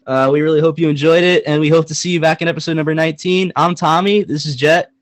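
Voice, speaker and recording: A young man co-hosting a casual sports podcast, talking in an animated, joking way and hammering points with repetition. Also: a little high, quick pace, dry recording. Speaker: podcast co-host.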